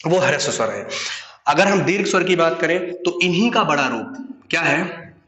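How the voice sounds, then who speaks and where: A man's voice: on the high side, lively intonation, normal speed, pushed and bright, echoey room. A young man teaching a grammar lesson to online students, who asks questions and then answers them himself.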